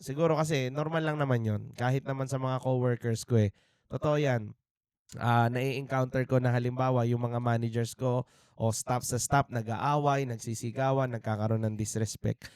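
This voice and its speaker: Earnest Filipino man, smooth clear voice. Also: mid-range voice, fairly even intonation, moderate pace, a little mellow, no echo, clean studio sound. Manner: earnest, reflective, with frequent restarts and fillers. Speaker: podcast co-host. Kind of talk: candid faith testimony, mixing Tagalog and English. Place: indoor podcast studio.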